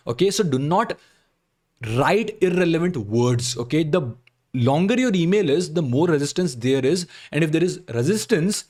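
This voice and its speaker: Man, Indian accent, fairly high pitch, blunt explanatory critique, instructive, frequent tag questions. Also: a little mellow. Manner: blunt, instructive, repeats points with frequent "okay?" tags. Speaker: video creator reviewing job application emails.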